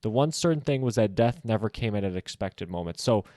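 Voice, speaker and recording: A man's voice: on the low side, animated, fairly quick, mellow, no room sound, studio quality. A man hosting a solo podcast, casually discussing a novel, thinking aloud with frequent filler words.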